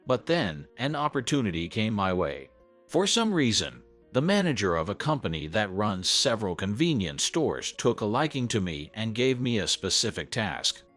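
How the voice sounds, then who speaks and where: A man's voice: fairly low pitch, very animated, moderate pace. A man narrating a first-person story in an earnest, scripted way. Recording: soft background music.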